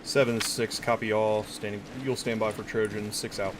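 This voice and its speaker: A man's voice: little pitch movement, moderate pace. A man giving clipped orders in military radio procedure as the commander in a military simulation game. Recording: very noisy, clicks and vehicle rumble.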